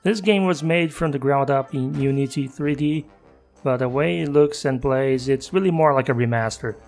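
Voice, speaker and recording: A man's voice: medium pitch, moderate pace, creaky, darkish tone, faint music behind. A man narrating a scripted game review with wry, self-mocking asides.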